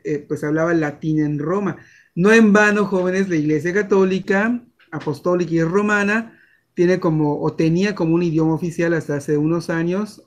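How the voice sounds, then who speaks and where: A man's voice: fairly high pitch, a little mellow. A Mexican man teaching a class over a video call, chatty and full of fillers and restarts. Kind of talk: online class lecture.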